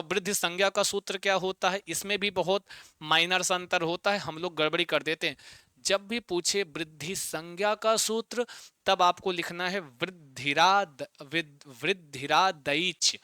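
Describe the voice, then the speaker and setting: A man teaching a Sanskrit exam-prep lesson online, drilling students with repeated check-in questions and spelling out word parts slowly, syllable by syllable. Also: high voice, sharp tone, clear, resonant tone, dry recording, clean studio sound.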